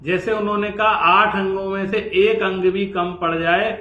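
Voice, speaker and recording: A man giving a lecture on scripture, slowly chanting verses and then explaining them in a lively, conversational way. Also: sits high. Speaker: professor teaching scripture. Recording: echoey, dull-sounding room recording.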